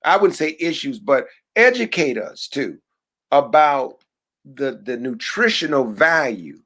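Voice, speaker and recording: A man hosts a podcast in a casual, chatty way. His voice sits at a middling pitch. He asks questions eagerly and keeps the talk moving. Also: big pitch swings, unhurried, a bit bright. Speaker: podcast host.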